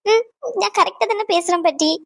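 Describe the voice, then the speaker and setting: A woman's voice: very high-pitched, a little fast, no echo. A woman voicing an upset young married granddaughter in a cartoon, talking in a hurt, pleading way. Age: young adult. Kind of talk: cartoon voice acting.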